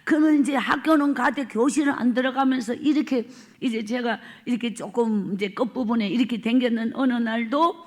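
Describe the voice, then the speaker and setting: High-voiced Gyeongsang woman preacher. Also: brisk, a little mellow. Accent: Gyeongsang Korean. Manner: dramatic storytelling, acts out quotes, drops to whispers. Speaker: evangelist preacher. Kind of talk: revival sermon testimony.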